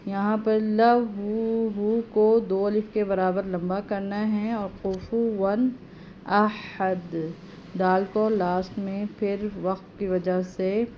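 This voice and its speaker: A woman teaching correct prayer recitation, chanting each verse slowly and then explaining it quickly and quietly. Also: medium pitch, flat delivery. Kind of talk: tajweed lesson with slow chanted recitation. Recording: slightly dull audio with faint background noise.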